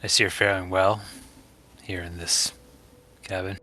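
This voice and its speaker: A man voicing a pompous formal male adventurer who speaks slowly and stately. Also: sits low, level tone, sharp tone, full character voice.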